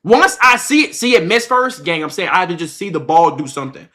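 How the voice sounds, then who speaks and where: A man in his twenties talks a little fast in a high voice while livestreaming, casually telling a story to chat. His speech is slangy and heavy with swearing, and he animatedly repeats himself and acts out what people said.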